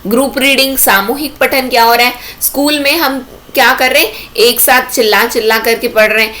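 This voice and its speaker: A woman's voice: sits high, steady tone, moderate pace, bright, forceful tone. A woman teaching an exam-prep lecture, explaining step by step and asking herself rhetorical questions.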